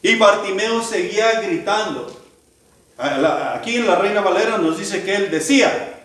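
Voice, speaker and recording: A man's voice: high-pitched, lively intonation, normal speed, a bit bright. A man preaching a sermon to his congregation, asking rhetorical questions and acting out the cries of the people in the story. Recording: echoey hall, voice from far off the mic.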